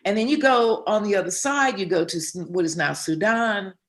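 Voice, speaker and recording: In a conversational interview, the woman, a playwright doing the interviewing, puts her questions with effusive enthusiasm, frequently repeating words as she gets going. Her voice is mid-range with lively intonation, at a normal speed.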